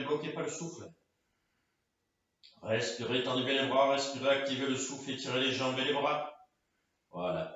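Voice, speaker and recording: A man leading a guided floor-exercise session, giving calm, directive cues in short phrases. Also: medium pitch. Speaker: karate and fitness instructor. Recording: echoey room, distant mic, dull sound.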